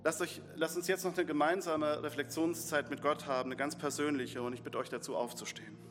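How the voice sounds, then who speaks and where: A brisk, steady-toned man with a fairly high voice preaches in a church hall, his earnest delivery building in short repetitions as he brings the congregation to prayer. Faint music and long hall reverb are audible.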